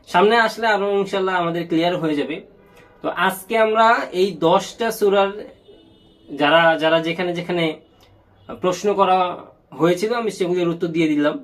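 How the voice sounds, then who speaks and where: A man teaching Quran recitation rules in an online lesson, asking and answering his own questions and chanting sample words slowly. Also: high-pitched.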